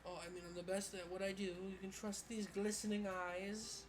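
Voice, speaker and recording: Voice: medium pitch, little pitch movement, moderate pace, close to an everyday voice. A video game player voicing a theatrical fortune teller with a creepy, self-assured, portentous delivery. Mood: mystical, portentous.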